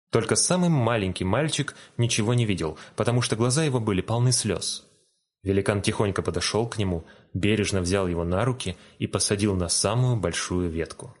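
Gentle low-voiced male storyteller. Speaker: narrator. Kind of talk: storybook narration.

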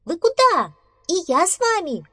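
A tiny boy mouse, put on by a woman reading aloud, squeaks in a very high, shrill voice. He is indignant and refuses to be left out. The pitch leaps about wildly as he talks. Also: big pitch swings, measured pace, sharp tone, heavily acted.

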